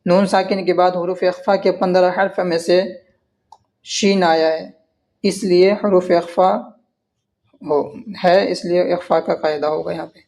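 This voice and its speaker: A man's voice: high-pitched, flat delivery, vocal fry, pauses often, a little mellow. A man teaching a tajweed lesson, explaining pronunciation rules patiently and step by step. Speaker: Quran recitation teacher. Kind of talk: tajweed lesson with slow recitation.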